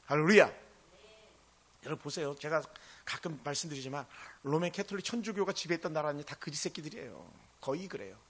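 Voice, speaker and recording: Raspy, bright-voiced preaching man. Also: fairly high pitch. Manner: impassioned, swings between loud and hushed. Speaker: pastor. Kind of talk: sermon.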